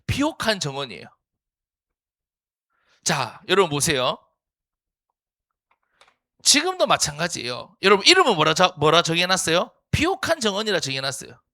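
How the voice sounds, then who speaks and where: A man's voice: a little high, huge pitch swings, normal speed, long pauses, pushed and bright, dry recording, studio quality. A man, a youth pastor preaching a playful sermon and teasing the teens by name.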